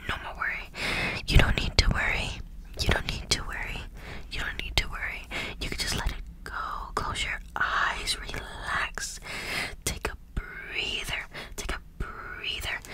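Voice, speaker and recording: A young woman in a breathy, soothing whispered role-play, very close to the microphone, repeating phrases with tingly ASMR mouth sounds. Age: young adult. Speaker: ASMR creator. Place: small room indoors. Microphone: close desktop condenser microphone.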